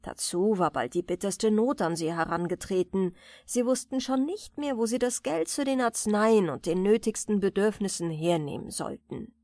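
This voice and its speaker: A woman reading a fairy tale aloud as a soothing bedtime story, in a gentle, expressive manner. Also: medium pitch, moderate pace, few pauses, no echo, clean studio sound. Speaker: audiobook reader.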